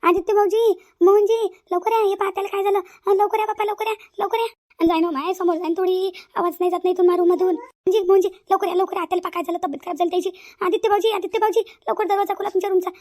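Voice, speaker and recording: Young daughter-in-law, cartoon, very high voice, calls out urgently. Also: female voice, flat delivery, rapid-fire, few pauses. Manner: calling out urgently.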